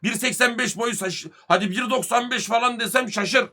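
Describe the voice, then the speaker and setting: A man in his thirties, a streamer chatting casually with his viewers, joking crudely and swearing a lot, swinging between loud bursts and mutters. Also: very high voice, normal speed, creaky. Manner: lively, swings loud and soft.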